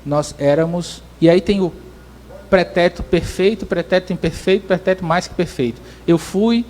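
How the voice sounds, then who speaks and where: A man's voice: high voice, moderate pace, darkish tone. A man pastor, preaching a sermon in an explanatory way and often restarting his phrases.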